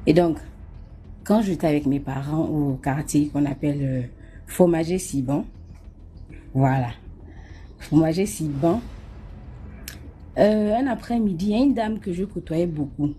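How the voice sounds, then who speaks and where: Mellow-voiced woman telling a night story. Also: low-pitched, measured pace, long pauses, a little hiss or hum. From Nigeria. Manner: lively, acts out scenes, often addresses the listener. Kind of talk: casual spoken testimony.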